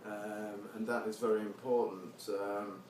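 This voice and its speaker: A poet reads his own work to a seated audience at a live venue, his fairly low, darkish voice flat and unhurried. He introduces the poems in a relaxed way, with a wry, self-deprecating sense of humour. The recording is echoey and noisy, taken from a distance.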